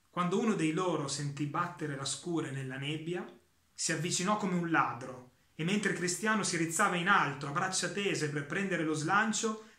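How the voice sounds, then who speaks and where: A man reading a short literary story aloud in a calm, measured way, with slow pauses. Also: fairly high pitch, reverberant. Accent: Italian.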